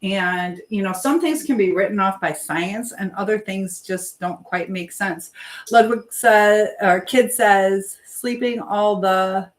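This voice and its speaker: A livestream host speaks slowly in a medium-pitched voice, her attention split by another task. She rambles through casual replies to viewers, often letting sentences trail off.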